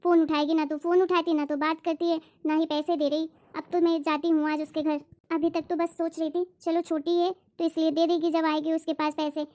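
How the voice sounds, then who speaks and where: Girl doing a big sister who's done waiting, scolding and preachy, super high voice, hindi home drama skit. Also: level tone, brisk, hardly any pauses, a little mellow. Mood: worried. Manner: scolding, insistent, lecturing. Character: fed-up elder sister demanding her money back. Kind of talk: acted family drama skit.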